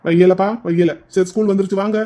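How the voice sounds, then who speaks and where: Man as a grumbling, kind cartoon driver, fast talk, fairly high voice, scolding. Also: steady tone, mellow, slight background noise, lightly acted. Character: grumbling kindly man driving the child, scolding. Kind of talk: cartoon voice acting.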